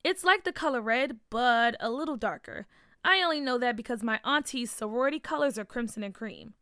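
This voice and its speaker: Chill quiet little boy, lady doing him, low mumbly voice. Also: animated, brisk, clear, resonant tone, no echo, clean studio sound. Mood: laid-back. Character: quiet laid-back young boy.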